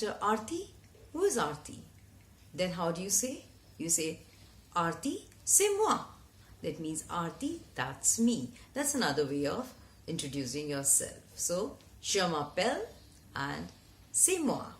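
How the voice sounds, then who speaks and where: A woman gives a beginner's French lesson at an unhurried, careful pace, with a voice that sits a little low. She breaks each phrase into pieces and repeats it. The sound bounces around an echoey room. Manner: spells out phrases slowly, repeating each one. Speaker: French teacher. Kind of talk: slow, deliberate language lesson.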